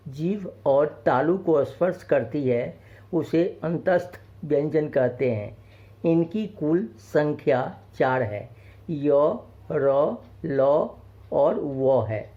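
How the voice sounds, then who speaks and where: A man teaching a grammar lesson to children, slowly and patiently, explaining each point twice. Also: a little high, highs cut off.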